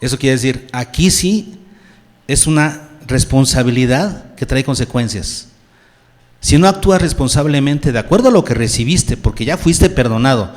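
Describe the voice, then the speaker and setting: Pastor guy preaching, kinda high voice, asks the crowd stuff then answers it, long church echo. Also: a little mellow. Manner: preaching, asks the congregation questions and answers them himself. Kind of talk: sermon.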